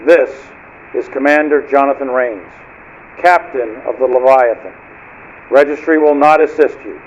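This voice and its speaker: An actor playing a cold, menacing male rogue submarine commander who speaks in a measured, declamatory way over marine radio. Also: medium pitch, slight background noise, poor audio.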